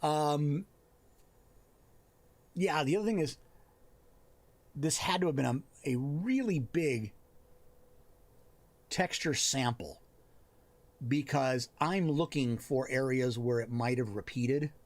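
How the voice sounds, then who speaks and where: A man hosting a live help stream, chatting casually and thinking aloud as he looks over work on his screen. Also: medium pitch. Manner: thinks aloud, pausing and restarting as he reads. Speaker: host of a writing and worldbuilding help stream.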